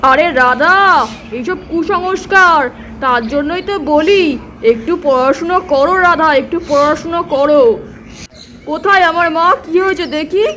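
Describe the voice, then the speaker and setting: Skeptical, grumpy cartoon father, voiced by a woman, high, bright and scolding. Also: moderate pace, a little hiss or hum. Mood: scoffing. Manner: scoffing, scolding.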